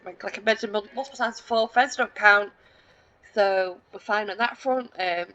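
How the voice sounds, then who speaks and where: A woman narrates her life-sim playthrough as a let's play gamer, her medium-pitched voice fairly bright despite a rough recording. She rambles casually with many fillers and restarts, making light, laughing jokes at herself.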